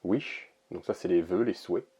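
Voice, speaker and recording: A man casually showing an oracle card deck, talking in a relaxed, hesitant way with many pauses and fillers. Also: sits low, husky, lo-fi sound. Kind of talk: casual product presentation to camera.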